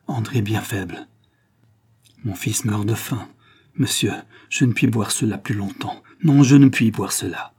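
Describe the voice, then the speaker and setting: A man's voice: steady tone, unhurried, pauses often, a little mellow, slight background noise, lightly acted. A man reading a starving desperate father. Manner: low pleading, secretive murmur. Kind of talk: audiobook dialogue reading.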